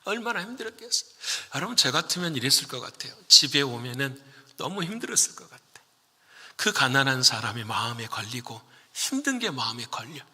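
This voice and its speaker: A man preaching a sermon as a pastor, asking the congregation questions and answering them, moving from loud exhortation to hushed whispers. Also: mid-range voice, big pitch swings, fairly quick, breathy edge, in a large hall.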